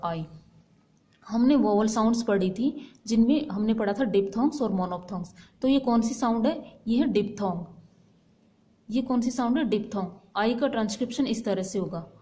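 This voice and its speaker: A woman teaching an English lesson to exam students, reading definitions slowly and explaining them in a chatty way, often checking that her students follow. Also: on the high side, warm tone.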